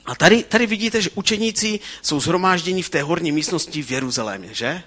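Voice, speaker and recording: Male preacher, sermon delivery, animated and fervent, bright tone, restarts mid-phrase. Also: on the high side.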